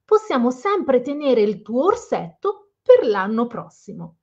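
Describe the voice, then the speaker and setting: Woman doing santa claus, jolly old man, chuckling, encouraging, lively tune, muffled lo-fi sound. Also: on the high side, a little slow, heavily acted. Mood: kindly. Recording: slightly dull lo-fi sound.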